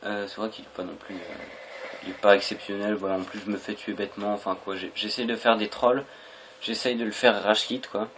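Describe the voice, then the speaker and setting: A man's voice: fairly low pitch, fairly even intonation, brisk, fairly bright tone. A young adult Frenchman gives casual, hesitant and rambling gameplay commentary on a noisy home recording. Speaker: gaming video creator.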